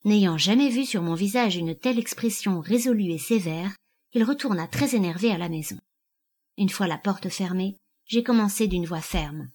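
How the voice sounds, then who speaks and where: A woman reading a first-person audiobook in a measured, expressive storytelling manner. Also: medium pitch. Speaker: audiobook narrator.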